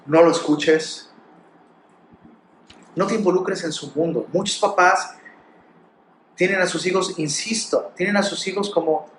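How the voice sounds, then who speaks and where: A man's voice: high voice, unhurried, long pauses, fairly bright tone, roomy sound, a little hiss or hum. A man with a Mexican Spanish accent preaching a sermon, pressing his points with rhetorical questions and acted quotes. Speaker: pastor.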